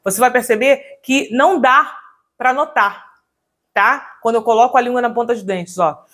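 A woman's voice: fairly high pitch, normal speed, fairly bright tone. A woman giving an upbeat online singing lesson as a vocal coach, often checking in with her viewers.

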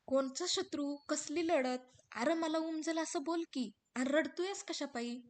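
A woman's voice: high-pitched, a little slow, pitched above the performer's own voice. Woman putting on an anxious rural young wife. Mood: alarmed. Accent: rural Marathi dialect. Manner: pleading, raised rustic speech. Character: grieving young village wife, devoted and anxious.

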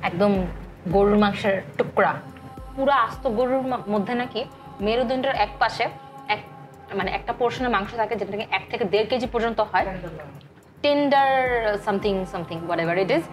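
A woman's voice: on the high side, normal speed, long pauses, soft background music. A woman with a Bangladeshi Bengali accent, giving a chatty food review in a restaurant. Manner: chatty, mixes English words into her talk. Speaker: food vlogger. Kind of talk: casual food review to camera.

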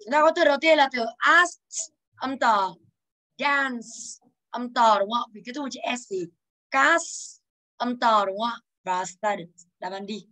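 Young woman English teacher, slightly high voice, lively and teasing, walking the class through exam answers. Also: a little slow, low-quality recording. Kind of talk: exam answer walkthrough lesson.

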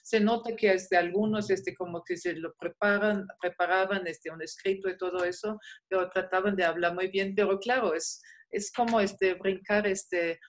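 Woman teacher on a video call, middle pitch, relaxed and filler-heavy. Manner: relaxed, frequent fillers, slow modelling of German sounds. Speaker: German teacher. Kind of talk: online class.

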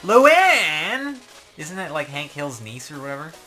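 A man's voice: a little high, brisk. A man giving casual, joking, sweary commentary while he plays and hosts a let's play. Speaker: let's play host and player. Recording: loud game music behind.

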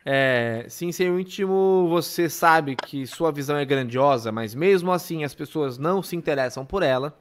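Homem lendo e conversando em podcast. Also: male voice, a little high, animated, normal speed, few pauses, a little hiss or hum. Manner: reads passages aloud, then chats. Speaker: podcast co-host. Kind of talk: casual chat.

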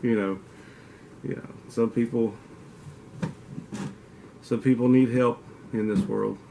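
Taking it slowly with a steady tone, this gravelly, medium-pitched voice belongs to an outdoors channel host in his forties who has a Kentucky southern drawl. He rambles casually to a desk webcam in an indoor den with mounted antlers, trading teasing trash talk, against a noisy background.

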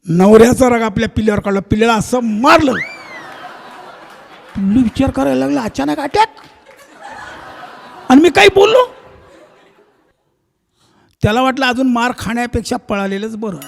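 Male stage comic from Maharashtra, high voice, lively storyteller, hall reverb. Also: a little fast, vocal fry. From Nanded, Maharashtra. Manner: animated, acts out voices and sounds. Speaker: comedian and shahir.

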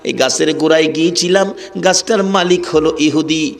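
A preacher doing two wailing hungry children. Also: male voice, gravelly. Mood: pleading, tearful. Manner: high wailing plea, drawn-out calls. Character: two hungry crying little children, pleading.

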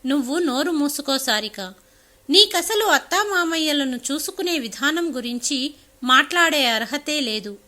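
A woman's voice: high-pitched, lively intonation, measured pace, bright, forceful tone, exaggerated voice. A woman voicing a stern elderly mother who lectures her grown daughter in a story reading. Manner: stern, reproachful.

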